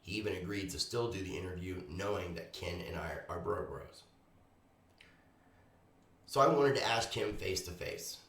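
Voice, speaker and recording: A hoarse man hosting a show, reading his intro carefully and earnestly from prepared notes while recovering from a lost voice. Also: sits low, moderate pace, pauses often, fairly bright tone. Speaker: host. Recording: echoey room, voice far from the mic.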